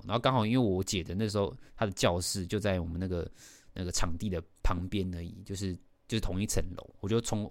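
A middle-aged man with a Taiwanese Mandarin accent hosts a podcast, telling a story in an animated way with lots of fillers and laughs. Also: on the low side, no echo. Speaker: podcast host. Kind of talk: casual storytelling.

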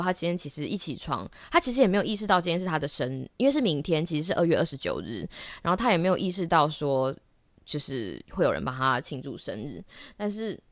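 A woman chats through a story on her podcast, her voice sitting low but leaping widely up and down as she gets excited. She laughs often and drops into English now and then. The sound is close and dry, with no room echo. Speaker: podcast host. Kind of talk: casual storytelling monologue. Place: office during lunch break.

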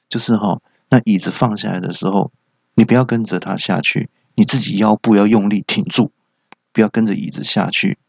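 A middle-aged man tells comic stories and jumps into raised voices for the people in them. His low voice has a gravelly edge. The recording is dry and a little dull. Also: no echo. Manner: acts out dialogue with raised voices. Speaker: host. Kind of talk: comic storytelling monologue.

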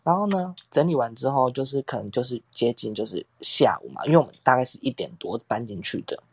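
A man's voice: medium pitch, expressive, fast talker, husky, no echo. A young man, telling a long story in casual chat as podcast co-host, rambling and acting out quotes with frequent laughs.

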